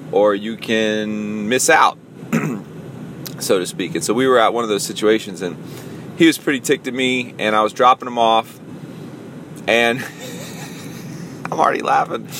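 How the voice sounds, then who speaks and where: Chatty man in his forties, bright voice. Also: fairly low pitch, a little hiss or hum. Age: 40s. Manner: conversational, self-amused, storytelling with asides. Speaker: podcast host and youth pastor. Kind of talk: casual solo podcast monologue.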